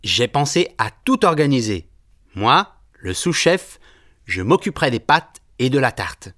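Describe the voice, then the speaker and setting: A man's voice: medium pitch, sing-song, a little slow, a bit bright, no echo, studio quality. A man playing an eager, touchy sous-chef of Italian background who insists on his rank, in a scripted textbook dialogue. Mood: insistent. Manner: insistent, self-important.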